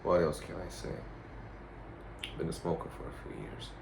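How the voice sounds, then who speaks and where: A man giving a casual, rambling vlog monologue in a blunt, profane, halting way. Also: a bass voice, expressive, creaky. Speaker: vlogger. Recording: noticeable background noise.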